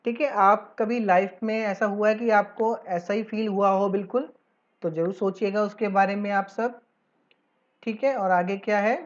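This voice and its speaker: A woman's voice: medium pitch, steady tone. Woman teacher explaining a lesson. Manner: reads English lines slowly, explains in Hindi; frequent "theek hai" check-ins. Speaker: English teacher. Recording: slightly dull lo-fi audio.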